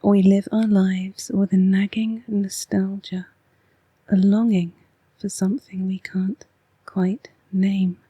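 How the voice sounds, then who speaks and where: A woman with an English accent, speaking in a hushed, half-whispered voice as she hosts a soft-spoken, rambling ASMR card reading. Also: mid-range voice, level tone, slow, breathy edge, no room sound. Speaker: oracle card reader and ASMR host.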